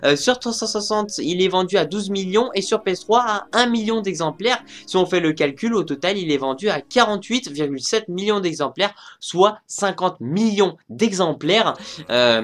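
A man's voice: a little high, a bit bright. A young man talking casually about game sales figures for his video channel, rambling with lots of fillers and restarts. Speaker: gaming news YouTuber.

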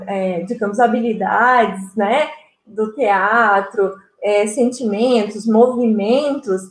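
A woman's voice: sits high, echoey room. A woman with a Brazilian Portuguese accent explaining a student project at an online seminar, talking in a loose, explanatory way with frequent fillers. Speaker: seminar moderator presenting student work.

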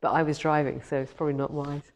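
The owner of a quilting shop chats her way through a live demo, cheerful and rambling with frequent ums, despite a head cold that leaves her slightly hoarse. She talks fast in a deep voice with a level tone. The setting is an indoor showroom full of longarm machines, captured by a tripod camera a few metres away.

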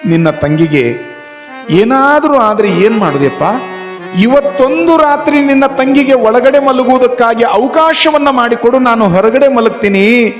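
A man's voice: very high-pitched, expressive, a little slow, faint music behind, voice pushed up. A man with a North Karnataka accent voicing a grieving poor mother who pleads tenderly with her son and comforts her daughter. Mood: pleading. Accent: North Karnataka Kannada. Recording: echoey hall with faint accordion.

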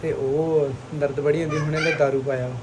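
A man's voice: on the high side, little pitch movement, brisk. A man vlogging casually at home, chatty, giving directions to family as he films. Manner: chatty, instructing family members. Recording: noisy home background.

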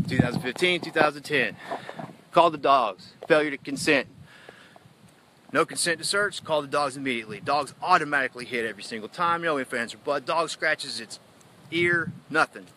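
A man's voice: a little high, expressive, brisk, noisy background. A man ranting in an emotional phone livestream, heated and accusatory, rambling with many asides. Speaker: citizen activist livestreaming.

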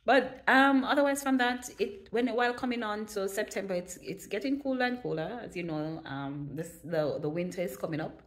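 A woman vlogger chatting casually to her viewers, with frequent "um" pauses. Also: mid-range voice, animated. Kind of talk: casual chat to camera.

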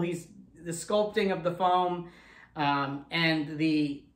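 An American man in his forties hosting a casual unboxing presentation as a ventriloquist. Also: a little high. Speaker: ventriloquist host. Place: indoor puppet studio room. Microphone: camera a few steps away. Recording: echoey room, distant camera mic.

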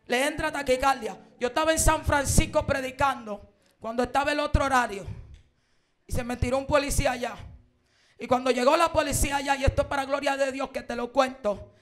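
A woman preacher, telling her story in a fiery sermon and breaking into shouted praise. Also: sits high, steady tone, a little fast, faint music behind. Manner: shouts and chants praise between stories.

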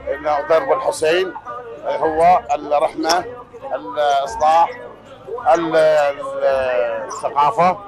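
A man from Dhi Qar, talking haltingly with many pauses outdoors. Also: on the high side, level tone, crowd noise. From Dhi Qar, Iraq. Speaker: procession pilgrim. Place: outdoors in a crowd.

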